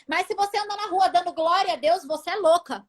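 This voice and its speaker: A woman with a Brazilian Portuguese accent giving a faith testimony in an animated, expressive way. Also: very high-pitched, fairly quick.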